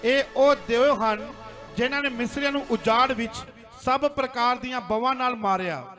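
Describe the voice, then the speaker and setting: A man reading scripture aloud quickly and steadily during a church service. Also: very high-pitched, sharp tone. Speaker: congregation member reading scripture. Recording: church hall with music and crowd.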